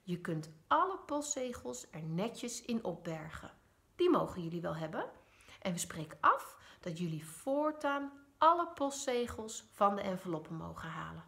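A woman voicing a calm, practical father in a children's story, explaining things patiently. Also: mid-range voice, normal speed, gravelly.

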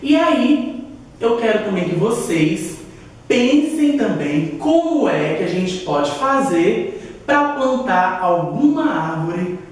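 Expressive woman telling stories to children. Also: fairly low pitch. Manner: expressive, addresses children directly. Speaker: teacher. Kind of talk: storytelling for young children. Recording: echoey room, far from mic, faint music.

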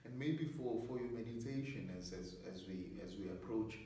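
A man's voice: mid-range voice, normal speed, dark tone, slight background noise. A middle-aged man, an assistant parish priest giving an earnest sermon preparation talk, often repeating words as he thinks, seated in a small study. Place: small study with bookshelves, indoors. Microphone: camera at a distance. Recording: echoey room, voice from far off.

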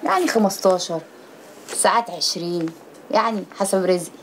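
A woman's voice: mid-range voice, lively intonation, brisk, slight background noise, natural voice. An actress playing a poor young vendor girl who speaks humbly, with an Egyptian accent. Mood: humble. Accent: Egyptian Arabic. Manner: humble, modest.

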